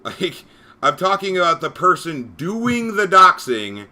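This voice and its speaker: Exasperated male moderator, bright edgy tone, profane livestream rant. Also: high-pitched, very animated, a little slow. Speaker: Discord moderator.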